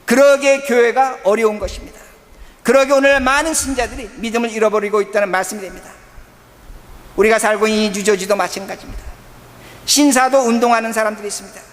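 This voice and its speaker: Male pastor, emphatic sermon style, repeats phrases, brisk delivery. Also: high voice, steady tone, a bit bright. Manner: emphatic, repetitive declarative preaching. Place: church sanctuary. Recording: long hall reverb.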